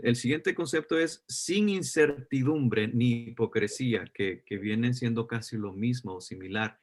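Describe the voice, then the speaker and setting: A man's voice: medium pitch, vocal fry. Man teaching a sermon. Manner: repeats key phrases, asks the audience questions. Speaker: pastor.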